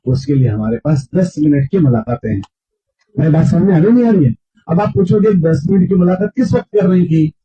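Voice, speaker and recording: A man's voice: on the high side, lively intonation, a little fast, mellow, husky. A man preaching to students, often asking the crowd questions and acting out imagined talk. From India. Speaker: Islamic preacher. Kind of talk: sermon to students. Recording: muffled lo-fi recording.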